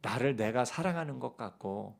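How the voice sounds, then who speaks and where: A man preaching an evening church sermon as pastor, swinging from raised, pleading lines to soft, quiet asides. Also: medium pitch, lively intonation, normal speed, creaky.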